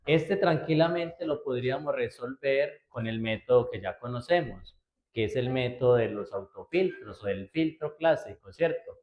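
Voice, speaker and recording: A male instructor leads a computer class at a steady, even pitch. He explains each step patiently and keeps checking that his students are following along. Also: normal speed, dull audio. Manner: patient, step by step, checks understanding with frequent "¿cierto?". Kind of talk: classroom spreadsheet lesson.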